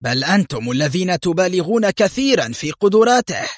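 A man's voice: high voice, very animated, brisk, dry recording, clean studio sound, pitched above the performer's own voice. A man voicing a ruthless, stubborn male assassin who speaks coldly and harshly in an audiobook story. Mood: cold defiance. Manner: cold, harsh, defiant.

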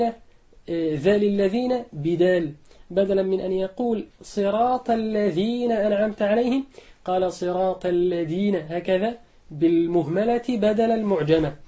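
A man, a sheikh, teaching a fiqh lesson in measured explanation, repeating key rulings and reciting examples. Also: high voice, dark tone. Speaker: sheikh teaching Shafi'i jurisprudence.

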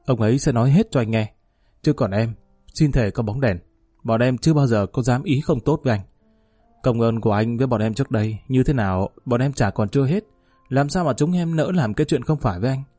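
A nervous, fawning gangster underling pleads in a raised, eager voice, as a male narrator puts him on. The tone stays mellow and dry, with faint music behind this audio story. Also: mid-range voice, a little fast, no room sound, natural voice. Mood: pleading.

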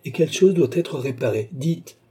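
A young noblewoman in an audiobook, firm but gentle, as a male reader puts her on. She fires off quick questions in a voice lifted above his usual husky tone. It stays warm and low in energy, with a soft reproach underneath. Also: animated. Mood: puzzled. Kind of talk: audiobook character voice.

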